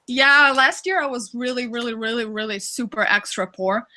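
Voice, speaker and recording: A young woman talking as a guest on a casual podcast, playful and quick to giggle. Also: on the high side, sharp tone, slight background noise. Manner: giggly, playful, slow-spoken. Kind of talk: casual chat.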